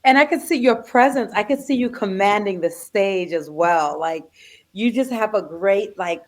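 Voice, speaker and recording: A woman's voice: medium pitch, normal speed. An American woman hosting a podcast interview, chatty and enthusiastic as she asks questions. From United States. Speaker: podcast host.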